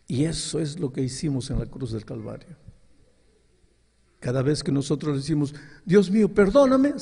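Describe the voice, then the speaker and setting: A man's voice: medium pitch, creaky, dark tone, husky. A male pastor preaching a sermon, telling a story and acting out its dialogue with dramatic rises in his voice. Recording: long hall reverb.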